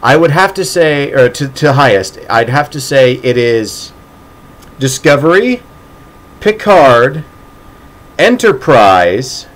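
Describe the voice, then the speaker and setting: A man of middle pitch chatting loosely with his audience, full of sarcasm and playful teasing. He rambles, restarts sentences and breaks into mock-dramatic declarations before laughing them off. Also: big pitch swings, slow, pauses often. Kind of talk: casual chat.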